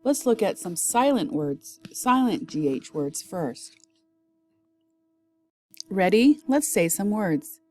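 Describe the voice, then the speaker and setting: A woman teaching phonics, leading a slow drill of word lists and enunciating each word carefully. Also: medium pitch, very animated, darkish tone.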